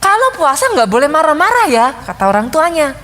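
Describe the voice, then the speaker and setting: Woman pastor, high voice, lively sermon storytelling, long hall reverb. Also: brisk. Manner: lively storytelling, addresses congregation often. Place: large church hall.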